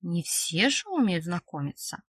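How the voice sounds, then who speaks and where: A woman's voice: lowish voice, very animated, a little slow, a bit bright, husky, no room sound, clean studio sound, pitched below the performer's own voice, full character voice. A woman reading an audiobook voices a young woman's friend who teases and mocks in a sly, giggly way. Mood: teasing.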